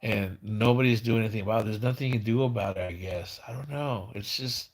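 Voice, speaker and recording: A man in his fifties chatting casually as a live stream host, with slurred, mumbling speech as if his tongue were half numb, halting and repeating words. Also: lowish voice. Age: 50s.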